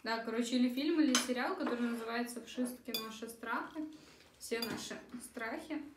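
A woman's voice: on the high side, brisk. A young woman chatting casually for a mukbang vlog, talking while she eats at a table. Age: young adult. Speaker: vlogger. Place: small room at a dining table. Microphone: camera across the table. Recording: roomy, faint cutlery and dish noise.

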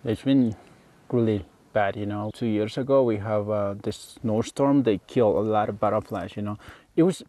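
A man, interviewed on location as a local guide, speaking haltingly and searching for words. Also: lowish voice, warm tone.

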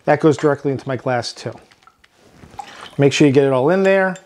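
A chef with a Long Island accent hosting a cooking demonstration, relaxed, often ending points with "right?". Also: male voice, mid-range voice, a little fast, slight background noise. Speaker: chef and host.

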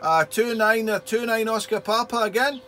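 Male radio operator, friendly and chatty with radio procedure talk, slightly high pitch, light static hum. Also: steady tone, normal speed. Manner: friendly, chatty, uses call signs and radio jargon. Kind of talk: casual two-way radio contact chat. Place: indoor home radio shack.

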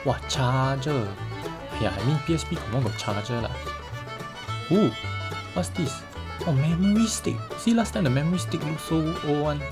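A man's voice: fairly high pitch, expressive, normal speed, long pauses, music in the background. A man in his twenties with a Singaporean accent, chatting casually to himself in Singlish with lots of exclamations, as in a gaming vlog. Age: 20s. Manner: exclamatory, talking to himself with colloquial particles. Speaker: vlogger. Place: small bedroom, indoors.

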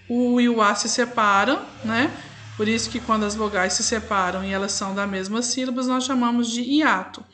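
A young adult woman, teaching a primary class remotely and spelling out answers slowly, checking in with the children often. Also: on the high side, a bit bright, slight background noise. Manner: slow, drawn-out dictation with frequent "tá?" and "né?" checks. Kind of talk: recorded remote class correcting exercises.

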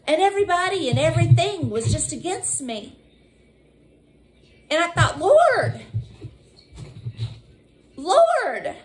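A woman evangelist preaching with fervor, her high voice leaping up and down in wide swings. She speaks at an unhurried pace, stretching scripture out slowly and breaking into cries of hallelujah. She calls her listeners y'all. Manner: fervent, exclaiming hallelujah and woo. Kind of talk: sermon.

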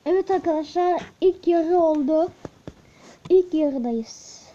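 A woman commenting excitedly on a football video game, talking to her viewers and chanting to cheer on the players. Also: very high-pitched, takes it slowly. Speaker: gaming video host. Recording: muffled with loud background noise.

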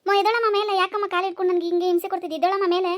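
A woman's voice: extremely high pitch, racing. Scornful cartoon mother-in-law, voiced by a woman. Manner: scornful, bossy. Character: sharp-tongued mother of the wife.

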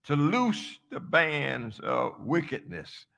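A man's voice: fairly high pitch, big pitch swings, slow, vocal fry, a bit bright. An older man preaching from a church pulpit with call-and-response phrases, drawing out his words. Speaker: pastor. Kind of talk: sermon. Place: large church sanctuary, on a stage at a pulpit. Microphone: handheld mic, then pulpit mic, far camera. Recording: echoey sanctuary, mic off at a distance, music behind.

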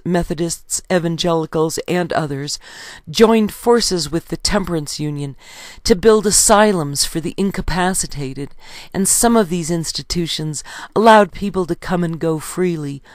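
A woman reading her own history book aloud in a steady, measured way, citing page numbers as she goes. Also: on the low side, no room sound, studio quality.

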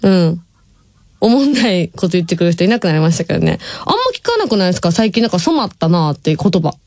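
A woman's voice: fairly low pitch, sing-song, quick pace, a little mellow, no room sound, clean studio sound. A woman in her twenties from Hyogo with a Kansai accent, chatting casually on her radio show and reading listener messages, laughing often. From Nishinomiya, Hyogo, Japan. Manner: chatty, laughs often, drawls some words. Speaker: radio host. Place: radio studio.

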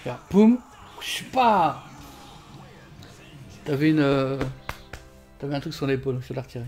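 A man streaming a fighting game from home on a desk mic, swearing and shouting at the game while chatting with viewers. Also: medium pitch, lively intonation, a little slow, soft background music. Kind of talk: live gameplay commentary. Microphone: desk microphone.

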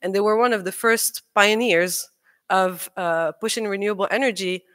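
A young Moroccan adult, an engineer, gives an earnest, persuasive conference talk from a podium on a large auditorium stage, with frequent ums and uhs. The voice is mid-range and a bit bright, at a moderate pace. A podium microphone picks it up.

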